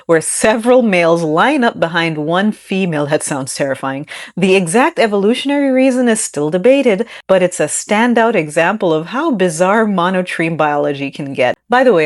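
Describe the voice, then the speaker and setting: Animated woman hosting a science explainer. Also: on the low side. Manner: animated, giggly, blurts excited outbursts. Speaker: science video host. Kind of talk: scripted explainer with casual asides.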